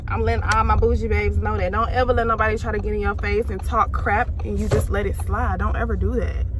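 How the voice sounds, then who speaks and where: A woman's voice: medium pitch, noisy background. A young adult woman vlogger chatting casually from a car, blunt and emphatic, with slang and laughs. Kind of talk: casual chat. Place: inside a car.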